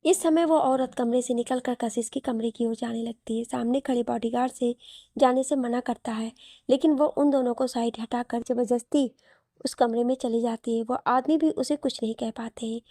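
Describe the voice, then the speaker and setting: Female narrator for a dramatic spoken story, slightly high gravelly voice, steady paced reading. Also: moderate pace, no room sound, studio quality.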